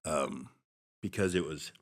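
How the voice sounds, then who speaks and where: A bass-voiced, middle-aged man from Hawaii talks as a podcast guest about something personal. He tells it slowly and reflectively, stumbling and restarting many times.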